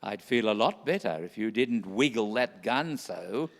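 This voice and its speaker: A man acting an unflappable, courteous old Santa Claus in a rhyming radio play, with a measured theatrical delivery. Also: on the low side, animated. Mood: calm reproach. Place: stage in a hall. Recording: hall with long reverb.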